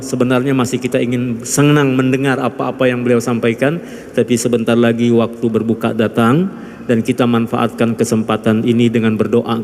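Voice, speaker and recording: A man hosting the gathering, giving formal, measured closing remarks. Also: medium pitch, darkish tone. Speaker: event host. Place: large mosque hall. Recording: reverberant hall with faint noise.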